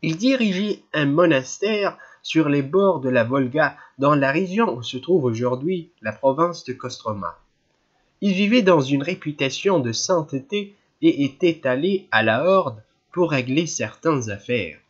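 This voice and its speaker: A man's voice: on the high side, lively intonation, a little slow, slightly rough, lo-fi sound. A man reading an earnest, courteous young prince. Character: gentle, earnest young prince, polite and serious. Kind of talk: audiobook character reading.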